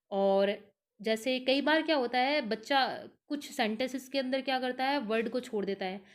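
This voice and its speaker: Woman teaching with slow English readings. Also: on the high side. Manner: reads English definitions slowly, then explains in Hindi; repeats "ठीक है" and "क्या है" as fillers. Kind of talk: lecture explaining slides.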